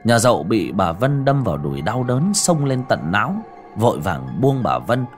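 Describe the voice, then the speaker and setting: A man narrating a ghost story in a dramatic, lively storytelling manner. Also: lowish voice, normal speed, faint music behind.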